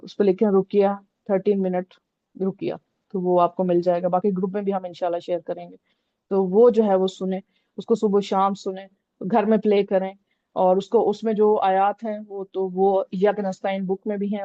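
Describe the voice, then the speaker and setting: A woman's voice: medium pitch, mellow, no room sound, highs cut off. A woman teaching a religious lesson in a conversational way, often checking in with her listeners. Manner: conversational, repeats "theek hai" often. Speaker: Islamic teacher.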